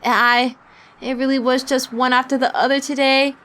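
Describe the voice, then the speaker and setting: A young woman streaming a visual novel, reading its text aloud in an animated, giggly way and swearing freely. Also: high voice, normal speed.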